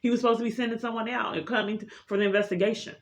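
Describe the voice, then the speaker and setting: Her slightly high voice races along with fairly even intonation while she lays out her grievances unscripted, sounding aggrieved and insistent. The vlogger's room sounds roomy, and the recording is muffled and full of noise and clicks.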